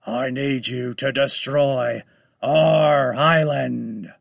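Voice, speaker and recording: A man voicing a menacing giant talking male shark in a storybook, speaking with slow, heavy, drawn-out menace. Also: mid-range voice, steady tone, vocal fry, no room sound, clean studio sound, exaggerated voice. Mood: roaring. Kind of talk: storybook read-aloud.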